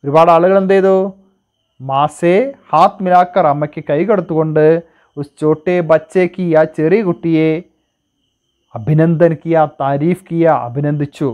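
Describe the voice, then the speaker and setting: A man with a Malayali accent, his voice pitched a little high, teaches a Hindi lesson phrase by phrase. He reads a line, translates it, then asks questions to check it, in a patient classroom rhythm. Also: fairly even intonation, normal speed, pauses often, a little mellow, muffled recording.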